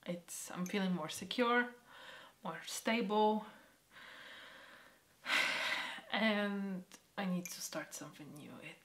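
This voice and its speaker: Young woman, personal vlog, slow unhurried talk, hesitant, halting, drifts into near-whispers. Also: medium pitch, a bit bright. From Poland. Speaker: vlogger.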